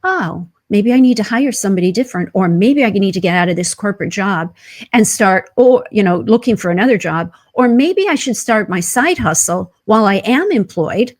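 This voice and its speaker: A woman's voice: medium pitch, animated, moderate pace. A woman guest on a podcast, speaking earnestly in a coaching tone and asking rhetorical questions. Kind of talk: conversational interview.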